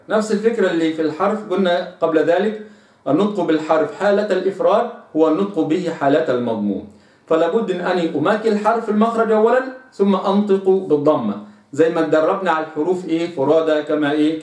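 A man's voice: fairly high pitch, fast talker, a little mellow. A man teaching Quran recitation, drilling single syllables and carefully contrasting correct and wrong pronunciations. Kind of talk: tajweed pronunciation lesson. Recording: echoey room, mic at a distance.

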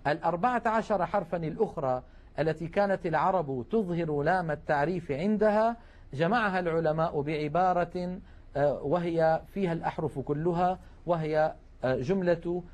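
A man's voice: fairly high pitch, fairly quick, a little mellow. A man teaching Quran recitation rules in a broadcast lesson, explaining patiently with frequent hesitations.

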